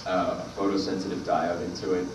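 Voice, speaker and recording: Man, panel guest, low voice, rambling anecdote, distant echoey noisy room. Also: little pitch movement, fairly quick. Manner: rambling storyteller, many fillers and laughs. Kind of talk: telling a story on a convention panel. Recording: echoey hall from far off, noisy.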